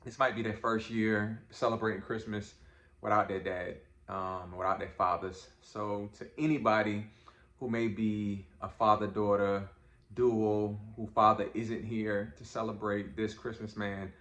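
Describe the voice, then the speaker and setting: A man's voice: fairly low pitch, little pitch movement, unhurried, a bit bright, reverberant. A middle-aged man co-hosting a podcast with his daughter, talking in a playful, teasing, laid-back way with lots of fillers. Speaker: podcast co-host, father. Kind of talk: casual chat.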